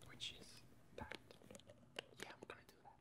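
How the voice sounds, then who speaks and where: Sharp in tone, this casual ASMR whisper is breathy and unvoiced, moving in a halting, rambling way with frequent fixes to what was said.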